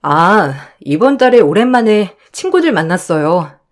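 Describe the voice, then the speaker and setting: Woman telling her story, voice goes up and down a lot, expressive. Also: mid-range voice, unhurried. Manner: expressive, hurt and pleading in dialogue. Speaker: storyteller and wife. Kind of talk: dramatized story narration.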